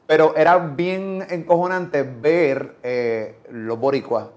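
A man's voice: on the high side, fairly even intonation, slow, darkish tone. A man with a Puerto Rican accent interviewing a guest in casual, blunt talk full of swearing. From Puerto Rico.

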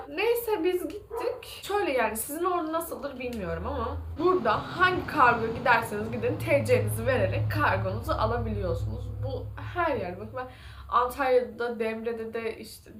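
A young woman vlogging casually, retelling her day in a chatty, animated way and laughing often. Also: high-pitched, reverberant, slight background noise. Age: young adult. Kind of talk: casual vlog storytelling.

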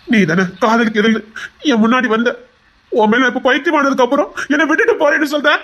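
A man's voice: very high voice, fairly even intonation, quick pace, sharp tone, muffled recording. A man with a Tirunelveli Tamil accent playing a young male heart doctor, a possessive lover who pleads and turns to threats. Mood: pleading. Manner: pleading, insistent, turning threatening. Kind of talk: audio drama acting.

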